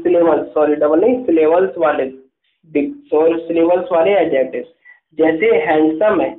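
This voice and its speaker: A man teaching an English grammar lesson, patiently dictating notes and checking in with "okay" as he goes. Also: a little high. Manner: patient, repeats "ठीक है" and dictates slowly. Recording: echoey room over tinny phone-like line.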